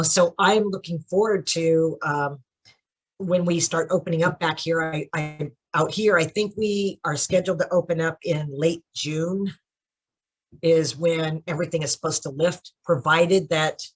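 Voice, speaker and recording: A middle-aged woman talking over a video call with a husky, somewhat low voice. She speaks animatedly about her work as a children's book author, laughing easily and turning emotional. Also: moderate pace. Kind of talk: casual interview.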